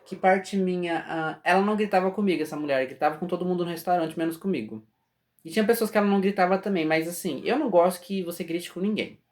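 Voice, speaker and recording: A man's voice: sits high, fast talker, darkish tone. A man with a Brazilian Portuguese accent giving a casual spiritual class, talking conversationally and often checking that his listeners follow. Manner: conversational, often asks "entende?". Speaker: spiritual teacher.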